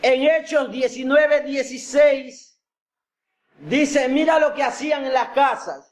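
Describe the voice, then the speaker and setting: High-voiced preaching man in echoey hall. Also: slow. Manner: preaching, shouts at peaks. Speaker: pastor. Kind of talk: sermon.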